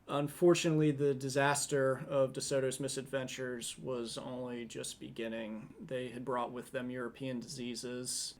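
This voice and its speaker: A male podcast co-host talks through history at an even, mid-range pitch. He lectures conversationally, sometimes restarting a phrase before he carries on. His delivery stays relaxed and explanatory.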